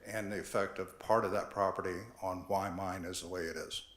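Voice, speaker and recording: An older man addressing a city board about his property, earnest and measured, reading from his notes. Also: low voice, steady tone, a bit bright. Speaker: property owner at hearing. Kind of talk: public comment at board meeting. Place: council chambers. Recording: echoey chamber.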